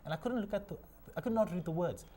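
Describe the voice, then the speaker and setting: Mellow South African man telling his story. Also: high-pitched, lively intonation. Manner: measured, inspirational storyteller. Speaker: guest, sailor and keynote speaker. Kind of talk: interview storytelling. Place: TV studio.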